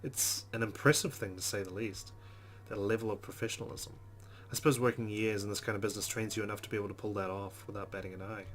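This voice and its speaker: This is a let's player giving dramatic voice to the first-person on-screen narration of a visual novel. He talks fast in a voice on the low side, with fairly even intonation, and noticeable background noise sits under the recording.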